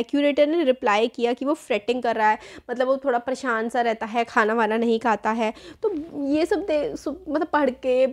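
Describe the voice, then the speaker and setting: A young woman talks through a school chapter in a relaxed teaching tone. Her voice sits high, and she keeps rephrasing to make each point clear. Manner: explains in Hindi mixed with English terms, rephrases with "matlab". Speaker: teacher, channel host. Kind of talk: casual explanatory lesson.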